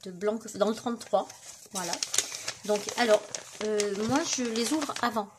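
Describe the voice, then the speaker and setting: A middle-aged woman chats casually on her crafting YouTube vlog, showing off mail she received and filling her talk with fillers and admiring remarks. Her medium-pitched voice moves at a moderate pace over some background noise.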